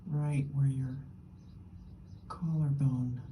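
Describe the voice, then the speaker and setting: Her pitch extremely low and her intonation fairly even, a woman leads a guided meditation as its teacher. She is gentle and unhurried, offering brief phrases with long gaps, her soft, breathy voice frequently falling to a whisper. Slight background noise can be heard.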